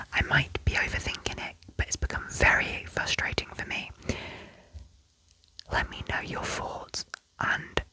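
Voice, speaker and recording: Woman in whispered role-play, close and soft. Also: poor audio. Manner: soft whispering with frequent asides and self-corrections. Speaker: ASMR creator reading and judging online posts.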